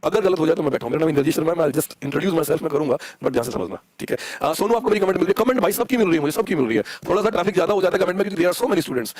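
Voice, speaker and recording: A man's voice: fairly high pitch, animated, racing, few pauses, a little mellow, dry recording. A young man with an Indian accent teaching a live online English class, coaxing students and spelling words out letter by letter.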